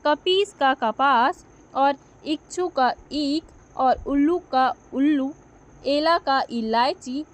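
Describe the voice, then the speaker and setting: High-voiced woman teaching slowly. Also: a bit bright. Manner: explains with questions she answers herself, self-corrects. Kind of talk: Hindi grammar lesson.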